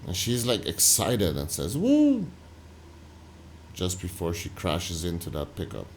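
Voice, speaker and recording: A man hosting a reaction video, talking loosely and haltingly over footage he is watching. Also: sits low, expressive, slight background noise. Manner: loose, halting, full of "like" and restarts. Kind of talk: casual commentary over footage.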